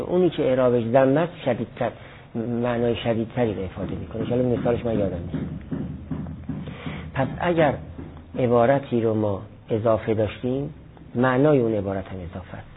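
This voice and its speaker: Students put questions to a man teaching Arabic grammar, and he answers them while explaining the material step by step with examples. His voice is medium in pitch, with a little hiss or hum, in a classroom lecture recorded in lo-fi, phone-like quality.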